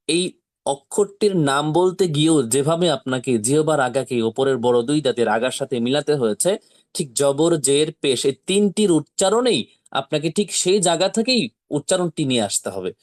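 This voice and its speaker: A man teaching Quran pronunciation in Bengali, with slow, patient drills that repeat each syllable. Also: a little high, expressive. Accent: Bangladeshi Bengali. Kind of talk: step-by-step pronunciation lesson.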